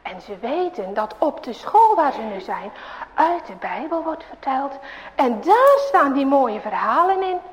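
High, animated woman storyteller. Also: unhurried, long reverb tail, slight background noise, rough recording. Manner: animated, expressive. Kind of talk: children's story reading.

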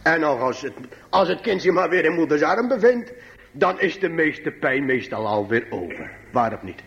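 A man preaching to his congregation, slow and emphatic, swinging between high pleading passages and low quiet asides. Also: sing-song, gravelly, highs cut off. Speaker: pastor. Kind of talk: sermon.

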